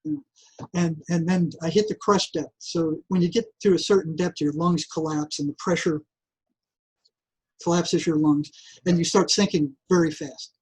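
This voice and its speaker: Older man, husky voice, animated storyteller who stumbles and restarts often. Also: on the high side, poor audio. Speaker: guest, psychotherapist. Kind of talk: casual interview storytelling.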